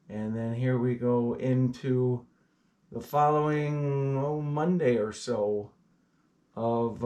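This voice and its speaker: A man casually walking through a weather forecast, chatty and playful, tossing out goofy exclamations and fumbling aloud with his maps. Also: mid-range voice.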